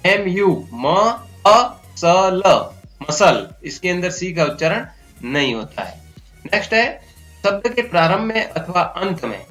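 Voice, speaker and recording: A man with a Rajasthani Hindi accent teaching English pronunciation, slowly spelling out words letter by letter. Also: on the high side, a bit bright. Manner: slow, spells out letters one by one. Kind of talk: spoken English pronunciation lesson.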